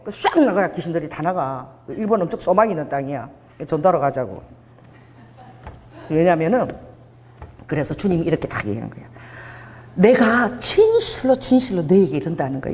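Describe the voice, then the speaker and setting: A middle-aged woman pastor preaching a lively sermon, telling stories and acting out the dialogue herself. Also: lowish voice. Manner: animated storytelling, acting out dialogue, frequent filler "막". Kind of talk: lively Pentecostal sermon with acted anecdotes. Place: church hall. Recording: long church hall reverb.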